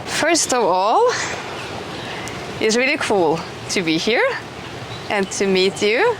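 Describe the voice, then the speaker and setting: A middle-aged woman talks with eager enthusiasm at a mid-range pitch, often restarting her sentences. She is recorded outdoors, and steady noise runs behind her voice. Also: slow. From Norway. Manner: chatty and enthusiastic, with frequent restarts and fillers. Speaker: host. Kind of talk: casual conversational interview. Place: outdoors in an eco village.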